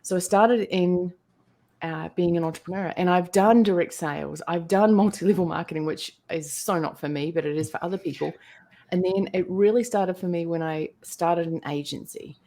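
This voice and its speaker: A middle-aged woman with a New Zealand accent, telling her life story as a guest in a casual interview, animated and quick to act out quotes. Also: fairly low pitch. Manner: animated, acts out quotes in voices. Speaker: guest entrepreneur.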